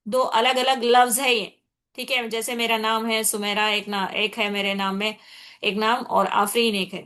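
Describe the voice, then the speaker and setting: A woman with a Hyderabadi Urdu accent teaching a Quran recitation class. She explains tajweed rules patiently, repeats her points, checks in with her students often, and slows down to recite Arabic examples. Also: a little high, bright, forceful tone. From India.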